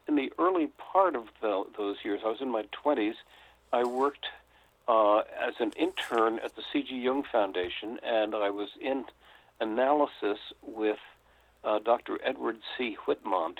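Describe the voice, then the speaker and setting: An older man from the United States, a guest author telling a story reflectively with frequent pauses, heard over a tinny phone line. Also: mid-range voice, no room sound. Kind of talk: storytelling interview.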